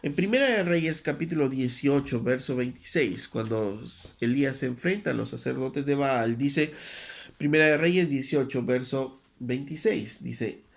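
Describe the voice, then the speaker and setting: A man preaching a Sunday sermon as pastor, reading scripture aloud and mimicking rushed, repetitive prayers to make his point. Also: a little high.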